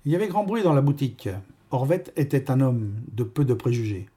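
A man reading a novel aloud as narrator, in a wry, measured manner. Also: medium pitch, sing-song, mellow, husky. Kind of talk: audiobook reading.

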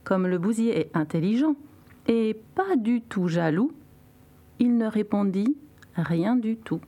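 Woman storyteller, children's tale, unhurried measured reading. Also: mid-range voice, lively intonation, mellow. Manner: slow, measured.

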